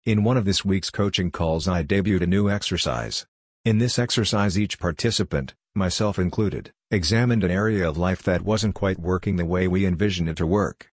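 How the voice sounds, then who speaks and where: Low husky-voiced man coaching. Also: normal speed, dry recording, studio quality. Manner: earnest, direct, addresses the listener. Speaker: life coach. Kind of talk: reflective self-help monologue.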